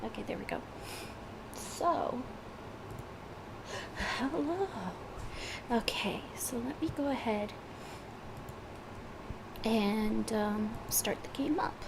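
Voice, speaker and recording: Before starting to play, a streamer with a head cold makes casual conversation in a hesitant way, full of fillers and false starts. She sounds slightly high and expressive, speaking slowly with long pauses while noise runs in the background.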